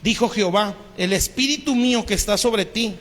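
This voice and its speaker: High-voiced pastor preaching in a hall. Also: male voice, moderate pace, fairly bright tone. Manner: keeps asking the congregation "¿sí?". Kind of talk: sermon. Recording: long hall reverb.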